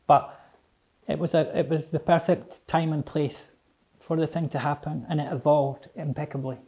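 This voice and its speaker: A middle-aged man with a Scottish accent and slightly slurred, toothless articulation, speaking reflectively and haltingly in an interview, often repeating phrases. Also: a little high, fairly even intonation, warm tone. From Edinburgh, Scotland. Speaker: interviewee, English teacher.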